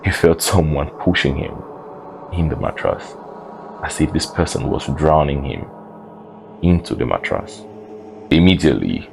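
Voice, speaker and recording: Deep, gravelly storytime narrator man. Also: darkish tone, slight background noise, low-quality recording. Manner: laid-back, joking asides between eerie retelling.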